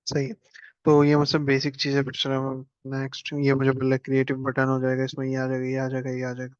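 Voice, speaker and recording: Guy walking through a software tutorial, flat steady voice, kinda dull lo-fi sound. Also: mid-range voice, brisk, smooth, no echo. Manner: casual, chatty, joking asides. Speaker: instructor. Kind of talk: screen-share tutorial.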